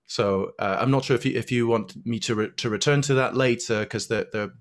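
An Argentine man, a guest being interviewed, answers in a measured, reflective manner, hesitating often. His voice is mid-range.

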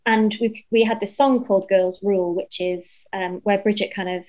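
A woman songwriter talking in a casual interview, chatty and lively, with lots of fillers and restarts and the odd casual swear word. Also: medium pitch, normal speed, rough recording.

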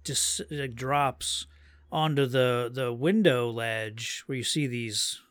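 A man's voice: medium pitch, slow pace, a bit bright, no echo. Thoughtful man, dry close sound. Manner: thoughtful, trailing phrases. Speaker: podcast guest. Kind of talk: casual chat.

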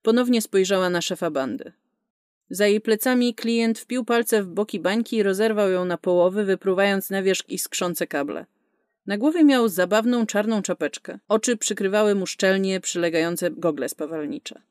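Woman reading an audiobook, brisk and vivid, dry studio sound, mid voice. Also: mid-range voice, darkish tone, no echo. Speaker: audiobook narrator. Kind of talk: scripted narration.

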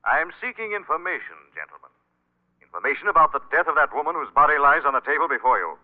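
A man's voice: on the high side, big pitch swings, quick pace. An actor playing a menacing, invisible male avenger with theatrical, mock-courteous threats in 1940s radio style. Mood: sly menace. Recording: muffled narrow-band old radio recording.

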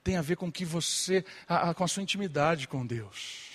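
A young man preaching a sermon to his congregation, lively and animated, sometimes imitating gossiping churchgoers. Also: a little high, normal speed, big-room sound. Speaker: pastor.

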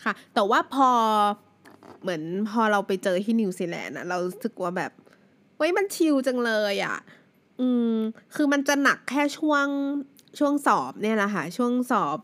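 A woman's voice: on the high side, sing-song, normal speed, a bit bright. Chatty young Thai woman podcaster. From Thailand. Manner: chatty, many fillers, mixes English words. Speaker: podcast host. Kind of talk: casual solo podcast talk.

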